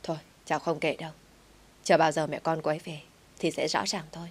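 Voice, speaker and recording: A woman reading an audio story, voicing a weary young man who talks softly and politely. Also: low voice, level tone, fast talker, breathy edge.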